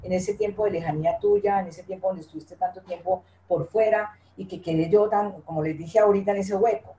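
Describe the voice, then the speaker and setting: An older woman talks in a heartfelt, earnest way and circles back over her own phrases. Her voice is mellow and warm. The sound carries a noticeable echo from the room. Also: medium pitch, steady tone, fairly quick. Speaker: guest, interviewee's mother. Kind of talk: emotional interview talk.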